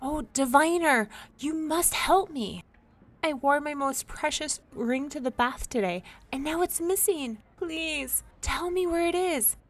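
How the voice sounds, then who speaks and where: A woman's voice: high-pitched, a little slow, voice pushed up. A woman voicing a frantic noblewoman in a folk tale, pleading and gasping. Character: shrill frantic noblewoman, minister's wife.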